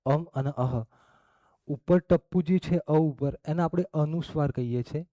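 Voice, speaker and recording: This is a man teaching, his voice on the high side with a dark tone, captured dry. His delivery is slow and methodical, one step at a time, and he keeps checking in with "okay?" and "barabar?" throughout the lesson.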